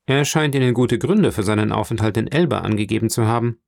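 Sly jealous clerk dude, insinuating, gravelly, man reading. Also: on the low side, quick pace, darkish tone, no room sound. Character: scheming envious male ship's clerk.

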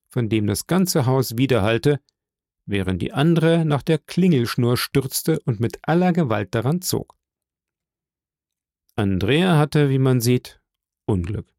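A man narrating a novel as an audiobook in a measured, even storytelling manner. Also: medium pitch, no room sound, studio quality.

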